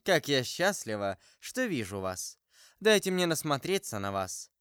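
A cunning noblewoman villain speaks in a smooth, guarded voice laced with false sweetness, as a male narrator puts her on. Her tone is clear and resonant, with lively rises and falls. The audiobook recording is dry and close. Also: medium pitch, unhurried, no room sound. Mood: honeyed. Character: cunning scheming noblewoman, adult, deceitful villain. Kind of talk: audiobook character voice.

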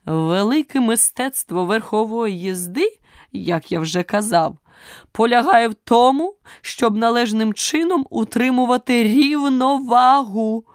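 A woman voicing an eccentric, clumsy male knight in an audiobook, speaking slowly with earnest self-importance. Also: fairly high pitch, animated, no room sound, clean studio sound, voice pushed up. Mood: solemn. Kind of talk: audiobook character reading.

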